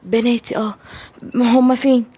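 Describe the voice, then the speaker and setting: A woman with an Egyptian Arabic accent voicing a strong-willed young wife and new mother, higher and more heated than her narration. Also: level tone, normal speed, mellow, husky, no echo. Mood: grateful.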